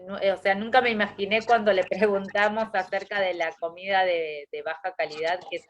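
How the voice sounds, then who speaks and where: A woman's voice: medium pitch, fairly even intonation, a little fast. A woman co-hosting an interview, asking follow-up questions with curiosity and enthusiasm. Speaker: interview co-host. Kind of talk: casual interview talk.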